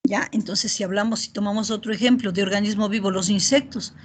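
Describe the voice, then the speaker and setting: A middle-aged woman teaching an online biochemistry class, often pausing to ask students if they follow. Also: mid-range voice, slight background noise. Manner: checks in often with "¿ya?" and "¿verdad?"; steady explanatory pace with filler pauses. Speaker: university lecturer.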